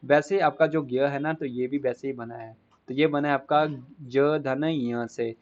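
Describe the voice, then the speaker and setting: A man's voice: medium pitch, fairly even intonation, unhurried, a little mellow, lo-fi sound. A man teaching an exam-prep grammar lesson, explaining step by step and asking the class rhetorical questions before answering them himself.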